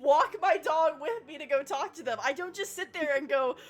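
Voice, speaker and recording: A woman's voice: sits high, normal speed, a crowd in the background. A woman playing a tabletop game, bantering animatedly and laughing as she argues her point. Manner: animated, argumentative, laughs often. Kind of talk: casual game-night banter.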